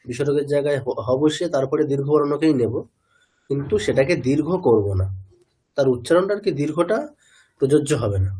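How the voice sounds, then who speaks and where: A man leads an online chanting lesson over a video call. His voice sits a little high, mellow and faintly husky. He asks his students again and again whether they follow and repeats each sound slowly for them. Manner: patient, keeps checking understanding with tag questions. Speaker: teacher of chanting.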